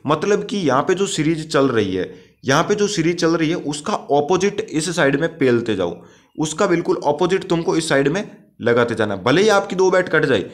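Pushy, chummy man with a high-ish voice. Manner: direct and repetitive, often checking the listener understood; calls the viewer brother, chummy and insistent. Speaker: YouTube gaming-tips host. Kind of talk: casual tutorial narration over gameplay.

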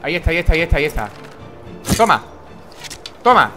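A man's voice: a little high, big pitch swings, fast, pushed and bright, faint music behind. A young man from Spain with a Castilian accent, commenting casually on a video game, tired late at night and swearing freely. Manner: swearing, chatty, jokey. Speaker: gaming YouTuber.

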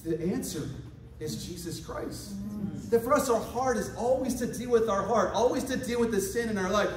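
A preacher with a high-sitting voice and normal pace gives a spirited sermon, moving between hushed asides and shouted exhortations and performing quoted voices to get laughs. The recording is distant and echoey in a big church hall, with the congregation responding throughout.

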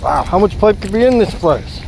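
In this outdoor clip, a magnet fishing vlogger chats with viewers and cries out at each discovery by a city pond. His high, gravelly voice has a sing-song quality at normal speed. The chest-mounted action camera gives poor audio, with heavy wind and water noise.

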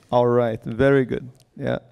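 Slow, creaky-voiced man hosting casually. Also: medium pitch, little pitch movement, mellow. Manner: playful, slangy. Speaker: event host and moderator. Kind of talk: casual, informal stage hosting. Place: indoor event room on a small stage. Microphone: headset.

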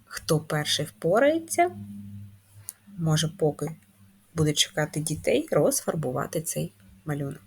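A woman teacher leading a first-grade writing lesson, explaining each step slowly and clearly. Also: deep voice, very animated. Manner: slow, clear, instructive dictation. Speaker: primary school teacher.

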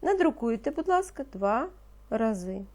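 Slow, lively woman teaching children to read. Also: on the high side. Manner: slow, patient, encouraging, pronounces words carefully. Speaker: primary school teacher. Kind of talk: reading lesson for young children.

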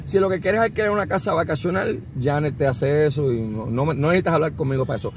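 Animated Puerto Rican man talking while driving. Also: a little high, fast. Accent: Puerto Rican Spanish. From Puerto Rico. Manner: animated, mixes English words into Spanish. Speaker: vlogger and consultant. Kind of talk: casual advice talk while driving. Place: inside a car on a city street. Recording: car with road noise. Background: traffic and car noise.

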